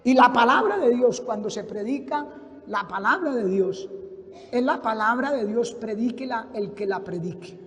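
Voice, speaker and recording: High-voiced fervent preacher in a hall. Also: male voice, expressive, normal speed. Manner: fervent, storytelling, addresses listeners as brother. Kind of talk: sermon. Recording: reverberant hall.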